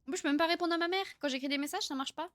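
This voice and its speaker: A young woman streaming a horror game live, excitable, swearing and laughing as she chats with her viewers. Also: very high voice, rapid-fire, dry recording, clean studio sound. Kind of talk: live gameplay commentary.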